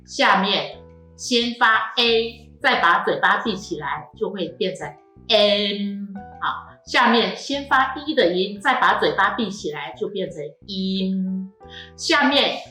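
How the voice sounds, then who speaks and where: A woman with a Taiwanese Mandarin accent leads a pronunciation drill, sounding out each vowel slowly and repeating it patiently. Her voice is bright and clear. She is recorded in a room with a noticeable echo and faint music underneath. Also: mid-range voice, animated. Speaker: language teacher. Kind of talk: phonetics lesson.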